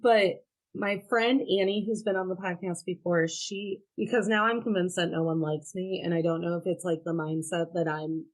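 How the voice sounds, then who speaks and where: Woman, thirties, from Ohio, podcast guest, frank storyteller, somewhat low voice. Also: fairly even intonation, normal speed, low-quality recording. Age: 30s. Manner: frank and storytelling, with wry laughs. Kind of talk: casual chat.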